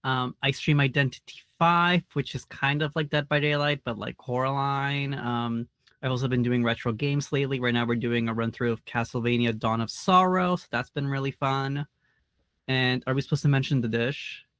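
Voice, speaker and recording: A bubbly man from Mexico speaks on a casual online panel of streamers. His talk is upbeat and friendly. His pitch sits in the middle, and the sound is dry. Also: fairly even intonation, moderate pace, fairly bright tone, clear, resonant tone, no echo.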